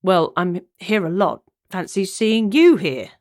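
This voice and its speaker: A woman's voice: lowish voice, lively intonation, slow, a little mellow, dry recording, clean studio sound. A woman voicing an easygoing, flirtatious male police detective in a cozy mystery audiobook.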